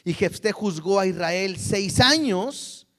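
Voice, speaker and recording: A high-pitched male pastor delivers a sermon. He keeps it conversational and often asks his congregation to confirm they follow. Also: lively intonation, slow, fairly bright tone.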